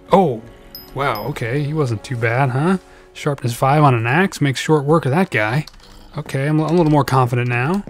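A man narrates his game session out loud in an even, mid-pitched voice, muttering worried asides to himself and jumping up into startled yelps. Game music plays clearly underneath him throughout. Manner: nervous, self-talking, frequent "oh boy", jumps to excited yelps. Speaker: let's play gamer. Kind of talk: gameplay commentary.

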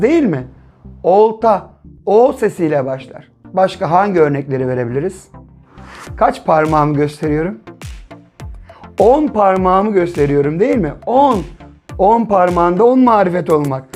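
Brief male primary teacher, patient question-and-answer lesson for small kids, soft music behind. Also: sits high. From Turkey. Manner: patient, asks and answers his own questions. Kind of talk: children's literacy lesson.

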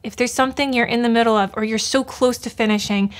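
A woman's voice: on the high side, fairly even intonation, quick pace. A young woman giving a blunt, fired-up motivational talk to camera, swearing freely. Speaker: YouTuber giving motivational advice.

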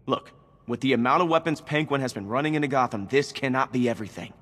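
An earnest young hero, voiced by a man in a video game, pressing his point insistently. His mid-pitched voice is slightly husky and carries a long reverb. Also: fast talker, fairly bright tone, lightly acted. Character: Nightwing, earnest young male hero sidekick.

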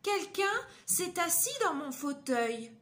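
A woman's voice: high-pitched, animated, slow, voice pushed up. A woman doing a prim mother bear. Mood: offended.

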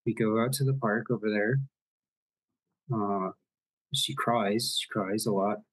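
A man voicing a nervous female nanny with an Irish accent, speaking in halting, hesitant replies. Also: lowish voice, fairly bright tone, slightly rough, poor audio. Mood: worried.

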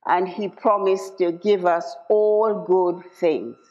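A woman preacher delivers her sermon in a slow, unhurried cadence and a somewhat low voice. She leans on repetition and asks her listeners direct questions. The live church recording sounds dull and lo-fi. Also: fairly even intonation, a little mellow. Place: church service.

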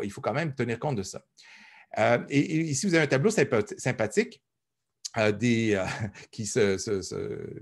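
Fairly low in pitch and a little mellow, this man's voice carries a recorded university lecture. He speaks conversationally, thinking aloud with plenty of fillers and repeated words.

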